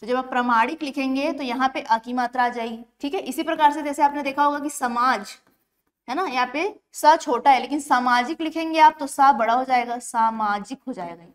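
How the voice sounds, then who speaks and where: A woman teaching an exam-prep grammar lesson, explaining step by step and slowing down to spell words out syllable by syllable. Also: sits high. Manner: explains step by step, often checks in with the class.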